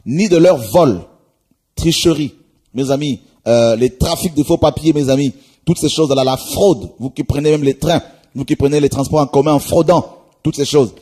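Dark husky-voiced man preaching. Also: a little high, normal speed. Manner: exhorting, repeats "mes amis", many hesitations. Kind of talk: Bible-reading sermon.

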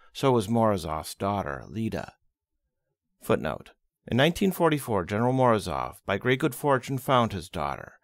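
Expressive male audiobook reader. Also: fairly low pitch, no room sound. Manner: expressive, dramatic reading of quotes. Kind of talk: audiobook narration of history.

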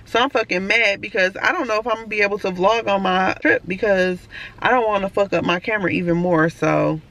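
A woman's voice: medium pitch, brisk, a bit bright. A woman chatting casually to her camera as a vlogger. She talks straight to her viewers, calls them y'all and swears freely. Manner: blunt, swears freely when venting. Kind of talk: casual vlog chat to camera.

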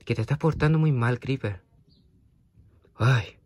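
A man rambles through a casual vlog, stopping and starting with plenty of fillers as he talks to a toy companion. His voice sits at a middle pitch, and the sound is close and dry with no room echo. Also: measured pace, a little mellow, husky. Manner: hesitant, full of fillers and restarts, scolding then apologetic. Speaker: vlogger talking to a toy creeper.

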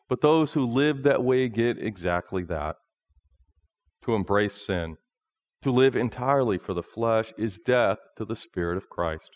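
Slow, measured male pastor preaching. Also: mid-range voice, dry recording, studio quality. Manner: slow, measured preaching, often reading from notes. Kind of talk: sermon. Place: small church sanctuary, at a lectern.

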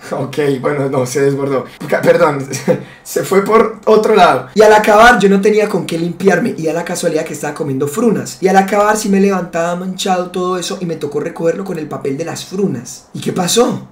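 A young man with a Colombian accent, reading out and reacting to confessions, swearing and bursting out loudly. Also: high-pitched, a little fast, reverberant. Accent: Colombian Spanish. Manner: crude, loud outbursts, swearing often. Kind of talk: casual reaction commentary.

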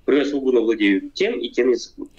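Sitting in an armchair at home, a man from Ukraine in his forties debates casually over video chat as a guest. He talks fast in a mid-range, darkish voice, full of fillers, restarts, and hesitation. The sound is a muffled, dull lo-fi webcam feed.

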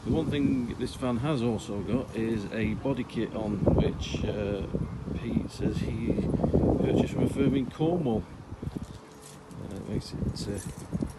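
A man hosting a club channel, chatting casually inside a campervan and asking quick follow-up questions. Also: medium pitch, very noisy. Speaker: host of a club video channel. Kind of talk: casual walkthrough chat. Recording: loud background music.

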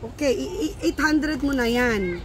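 A young woman chatting casually and haggling with lively exclamations while shopping outdoors at a sunny beach. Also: sits high, a little slow. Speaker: vlogger and shopper. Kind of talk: casual chat while bargaining. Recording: outdoor beach noise behind.

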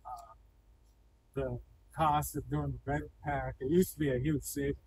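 A silo company's interviewer, a man in his thirties, keeps an on-site conversation going with a farmer by asking questions in a big, open-sided indoor cattle barn. He speaks at medium pitch, in a level tone and at normal speed, with background noise present.

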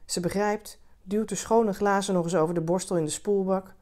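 A woman reading a literary short story aloud in a calm, measured way. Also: mid-range voice. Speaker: reader.

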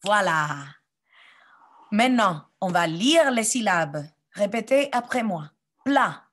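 Slow woman teaching phonics. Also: medium pitch, expressive, fairly bright tone. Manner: slow, clear, pauses for children to repeat. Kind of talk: slow phonics lesson for children.

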